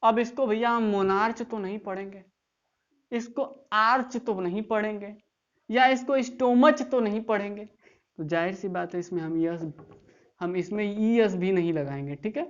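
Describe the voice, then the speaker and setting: A woman's voice: mid-range voice, normal speed, a little mellow, dull audio. A woman teaching English grammar in an online class, explaining step by step and often checking that students follow.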